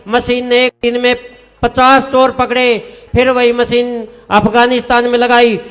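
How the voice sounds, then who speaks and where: A man's voice: extremely high pitch, fairly bright tone. A man with a Haryanvi accent performing comic poetry on stage, chatting folksily with the audience between rhyming punchlines. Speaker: comic poet. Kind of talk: stage comedy poetry recitation. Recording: live stage with long reverb.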